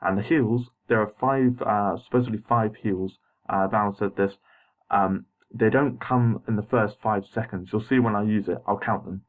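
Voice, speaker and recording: Over game footage, a young man with a fairly low, steady voice at normal speed narrates without a script, sounding hesitant and apologetic in a casual way. Wearing braces slightly muffles his articulation, and the home voice-over has a muffled, phone-like quality.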